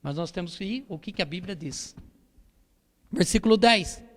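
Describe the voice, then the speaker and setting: Long reverb from the church hall surrounds a man delivering a sermon with Bible reading during a service. He has a Brazilian Portuguese accent and a high voice with lively intonation at a moderate pace, and he presses his point with repetition and rhetorical questions.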